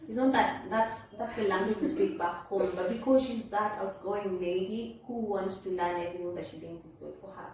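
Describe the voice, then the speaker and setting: Woman, medium pitch, chatty encouraging interview host, distant mic, very echoey recording. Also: a little fast, hardly any pauses, darkish tone. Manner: addresses viewers directly, encouraging. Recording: echoey room, distant mic, faint noise.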